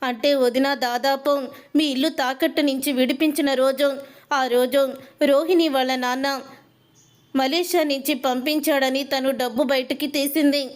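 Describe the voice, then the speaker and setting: A woman's voice: sits high, steady tone, normal speed, close to an everyday voice. A woman voicing a worried, puzzled middle-aged relative in a spoken story retelling, questioning things.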